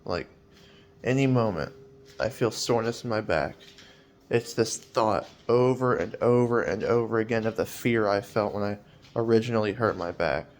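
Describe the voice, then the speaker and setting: A man's voice: fairly low pitch, moderate pace. A man in his twenties talking in a personal vlog, hesitant and rambling with many fillers, sounding weary and anxious. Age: 20s.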